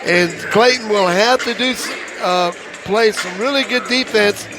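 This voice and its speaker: A man giving conversational pregame basketball analysis as a color commentator, halting and repeating his phrases. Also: sits high, music in the background. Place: gymnasium. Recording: clear gym background noise.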